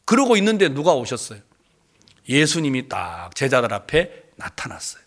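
A man's voice: mid-range voice, wildly swooping pitch, moderate pace, fairly bright tone. A male pastor preaching a sermon, retelling a scripture story with playful, chatty asides to the congregation.

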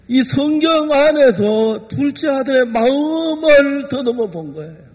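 A man's voice: extremely high pitch, animated, measured pace, darkish tone. A man preaching a sermon as a pastor, emotional and acting out voices as he tells the story. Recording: long hall reverb.

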